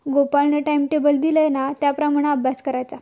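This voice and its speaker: A woman voicing a caring, gently bossy elder sister. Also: high voice, level tone, brisk, dull audio.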